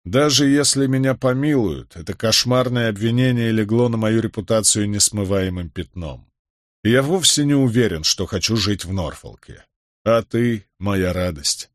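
Weary disgraced nobleman, middle-aged, heavy, sighing, low, dry sound, as a man reads him. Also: normal speed, dry recording, close to an everyday voice. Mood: earnest. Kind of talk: audiobook reading.

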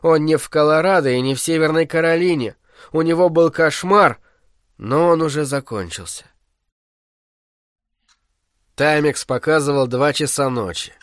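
A man in a measured, dark storytelling manner, reading an audiobook as narrator. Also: fairly high pitch, no room sound, studio quality. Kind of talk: scripted narration.

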